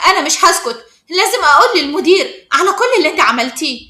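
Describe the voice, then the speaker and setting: A woman doing a sharp-tongued Egyptian schoolgirl. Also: very high-pitched, fast, reverberant, voice pushed up. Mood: angry. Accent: Egyptian Arabic. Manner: sharp, agitated. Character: outspoken teenage schoolgirl.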